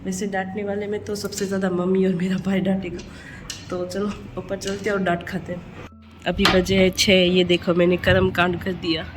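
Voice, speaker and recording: A woman's voice: mid-range voice, flat delivery, moderate pace, music in the background. A young woman, chatting casually through a home vlog and laughing at herself. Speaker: vlogger. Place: family home, indoors and on a rooftop.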